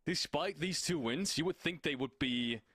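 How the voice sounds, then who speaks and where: A man's voice: a little high, animated, normal speed, fairly bright tone, breathy edge. A man giving live esports color commentary, analytical, often restarting and repeating words as he thinks. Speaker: esports caster.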